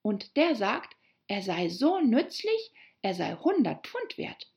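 A woman's voice: on the high side, very animated, unhurried, pitched above the performer's own voice. A woman voicing an eager, polite young girl who chatters on apologetically.

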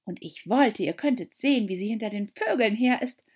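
A woman voicing a curious, polite young girl in an audiobook, speaking high and eagerly. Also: big pitch swings, a little slow, a little mellow, husky, lo-fi sound, full character voice.

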